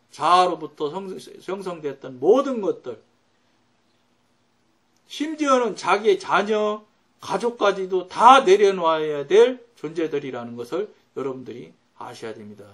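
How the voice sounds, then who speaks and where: A middle-aged male pastor preaching in a high, lively voice that rises and falls a great deal. He tells his story with sudden swings between loud outbursts and quiet, low asides. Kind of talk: sermon.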